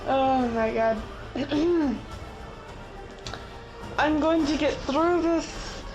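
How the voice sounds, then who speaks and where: A woman reading a novel aloud with chatty asides, hoarse from losing her voice and often clearing her throat. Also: high-pitched, very slow, music in the background, rough recording. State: hoarse, recovering voice. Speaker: audiobook reader. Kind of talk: casual book reading with asides.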